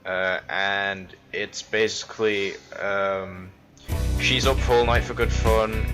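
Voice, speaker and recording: A man's voice: low-pitched, bright, forceful tone. A young man from the Isle of Man rambling through casual let's-play commentary, full of fillers and absurd made-up stories. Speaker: gaming commentator.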